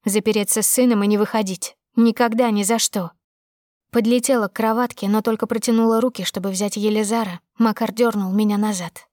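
A woman's voice: medium pitch, fairly even intonation, a little fast, darkish tone, no echo. A woman narrates a dramatic first-person audiobook with tense, emotional delivery. Her voice sits in a middle register. The sound is close and dry, with no room around it.

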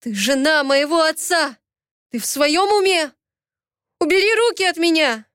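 A woman's voice: sits high, slow pace, clean tone, no echo. A harsh young man barking orders in a storybook, voiced by a woman, dry and close. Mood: angry. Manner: curt, harsh shouted commands.

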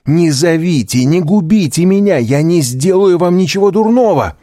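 A man's voice: a bass voice, slow pace, vocal fry, dark tone, dry recording, clean studio sound, heavily acted. A man voicing a cornered young male fugitive who pleads desperately for his life in a storybook reading. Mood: pleading. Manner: desperate begging, later cold and scornful.

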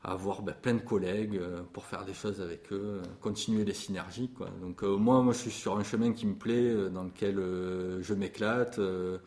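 A man's voice: low voice, fairly even intonation, normal speed, hardly any pauses, a little mellow. A man in his forties, a music publisher, talking with passion about his trade in an interview, with many fillers and restarts. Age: 40s. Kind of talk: interview conversation.

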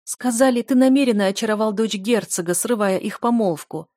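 A woman's voice: medium pitch, a little fast, darkish tone, no echo, voice pushed up, close to an everyday voice. A tearful, frail old mother speaks through sobs, raised and shaky, as a woman narrator puts her on. The recording is dry and close. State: sobbing.

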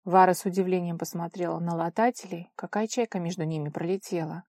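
Woman narrator, fantasy audiobook, measured, expressive, lowish voice, dry close mic. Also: no echo.

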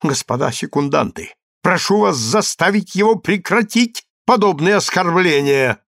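Arrogant sneering duelist, raised pitch , read by a man. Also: lively intonation, normal speed, creaky, fairly bright tone, no echo, studio quality, exaggerated voice. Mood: scornful. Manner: sneering, contemptuous. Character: arrogant scornful male duelist.

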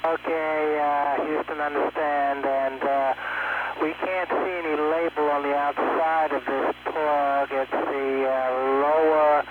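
A man's voice: on the high side, little pitch movement. Guy on a crackly space radio link, tinny, lots of uhs, clipped radio talk. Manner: clipped radio procedure, halting with frequent uhs. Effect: crackly radio link from a spacecraft in orbit. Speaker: spacecraft crew member. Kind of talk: radio voice loop.

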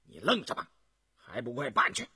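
A man's voice: medium pitch, sing-song, unhurried, bright, forceful tone, soft background music, heavily acted. A man voicing a stern, middle-aged emperor who snaps curt, imperious demands. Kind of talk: storytelling radio reading.

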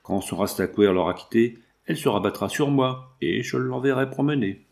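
A man's voice: medium pitch, normal speed, creaky, darkish tone, close to an everyday voice. A man reading aloud in the part of a jilted young man who grumbles and sulks. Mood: vexed. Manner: grumbling, vexed. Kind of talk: audiobook reading.

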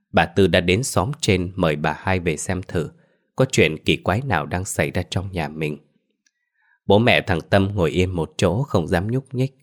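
A man narrating a horror tale in a low, deep voice. He reads at an unhurried pace with an ominous, brooding storytelling manner.

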